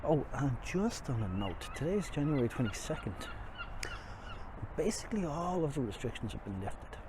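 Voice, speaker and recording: A man's voice: on the high side, big pitch swings, normal speed. An Irish man giving a casual, rambling, self-deprecating walking tour commentary outdoors, speaking through a face mask. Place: outdoors on city streets by a river. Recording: noisy outdoor street, traffic ambience. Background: street and vehicle noise.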